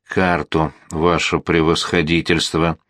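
A man's voice: lowish voice, animated, moderate pace, no echo, clean studio sound, close to an everyday voice. A man doing a slurring, half-deaf old colonel. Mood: shouting. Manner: slurring, shouting. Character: exhausted half-deaf male artillery colonel.

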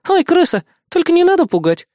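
A man putting on a bright, squeaky young vixen, far above his own voice. She teases and rushes her words in a breathless storybook way. Dry, close recording. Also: sing-song, no echo. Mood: impatient. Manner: breathless, teasing. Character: chatty young female fox cook. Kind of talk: audiobook character voice.

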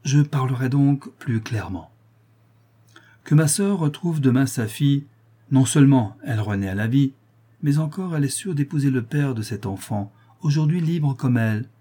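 A man's voice: medium pitch, lively intonation, normal speed, mellow, slightly rough. A man reading aloud, voicing a scheming aristocratic woman who pleads and persuades. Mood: persuasive. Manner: pleading then coldly threatening.

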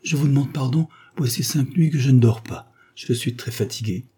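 A man's voice: medium pitch, moderate pace, warm tone, husky, pitched above the performer's own voice, natural voice. A man voicing a doomed aristocratic count, speaking with courtly, earnest declamation. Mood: weary. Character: doomed aristocratic male count, gracious and composed.

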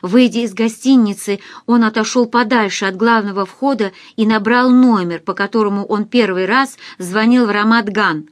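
A woman's voice: medium pitch, normal speed, few pauses, no echo, studio quality. Woman reading a novel aloud. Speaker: audiobook narrator. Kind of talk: scripted literary narration.

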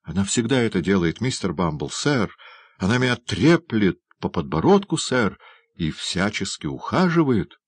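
A man's voice: lowish voice, sing-song, moderate pace, slightly rough, no echo. A man reading an audiobook, voicing a tipsy young male shop apprentice who drawls and whines. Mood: whining. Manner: drawling, whiny.

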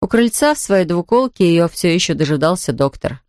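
A woman narrating an audiobook in an even, expressive storytelling manner. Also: on the low side, a little fast, no room sound, studio quality. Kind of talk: scripted narration.

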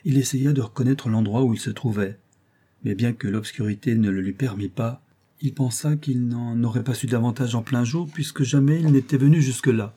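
A man narrating a classic tale as an audiobook reader, in a measured storytelling delivery. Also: mid-range voice, mellow, husky. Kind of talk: scripted narration.

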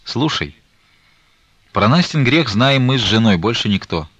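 A man reading the part of a stern, grieving old merchant, talking in a slow, weighty, reproachful way. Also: mid-range voice, big pitch swings, a bit bright, slightly rough, no room sound, muffled recording, voice pushed up, heavily acted.

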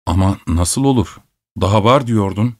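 A man voicing a calm, reserved gentleman who speaks in a measured way. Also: lowish voice, natural voice.

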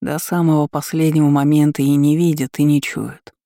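A woman's voice: low voice, little pitch movement, normal speed, warm tone, no room sound, clean studio sound. A woman reading as an earnest young soldier. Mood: fervent. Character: earnest young male soldier, devoted to the queen.

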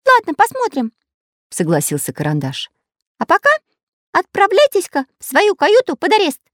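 Woman playing a high squeaky little wizard boy, strict, storybook voice. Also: wildly swooping pitch, normal speed, dry recording, clean studio sound, heavily acted. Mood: bossy. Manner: strict, nervous.

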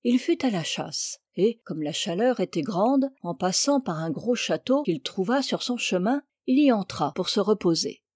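A woman reading a classic fairy tale aloud in a measured, expressive storybook narration. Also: medium pitch, slightly rough, no room sound, studio quality. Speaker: reader.

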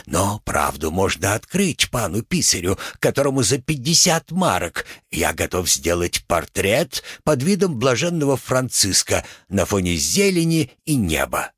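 A man's voice: fairly low pitch, sing-song, measured pace, few pauses, a bit bright, breathy edge, no room sound, clean studio sound, full character voice. A man voicing a sly old drunken church painter who talks in a wheedling, ingratiating way.

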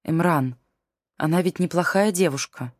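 A woman voicing a gentle, soft-spoken middle-aged mother who talks in a coaxing way. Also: lowish voice, moderate pace, no room sound, clean studio sound, natural voice.

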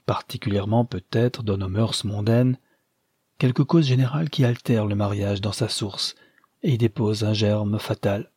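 A man voicing a serious, troubled young gentleman who speaks in a confiding tone. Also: medium pitch, husky, dry recording, studio quality, natural voice.

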